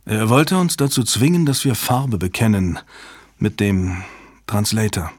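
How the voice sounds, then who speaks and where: A man voicing a tired female cryptographer who speaks in a quiet, weary way. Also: lowish voice, unhurried, dry recording, clean studio sound.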